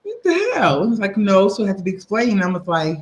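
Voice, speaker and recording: A woman guest in casual chat, telling a personal story in an animated, expressive, folksy way. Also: mid-range voice, fast talker, low-quality recording. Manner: folksy, conversational.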